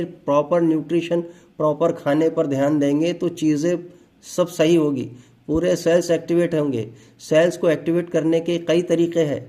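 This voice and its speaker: A man's voice: on the high side, mellow. A man giving a motivational health talk, explaining with everyday examples and asides.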